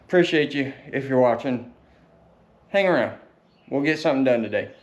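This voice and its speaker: Male DIY truck vlogger, plain-spoken and easygoing, average pitch, off-the-cuff delivery. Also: lively intonation, moderate pace, lo-fi sound. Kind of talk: casual, unscripted vlog talk.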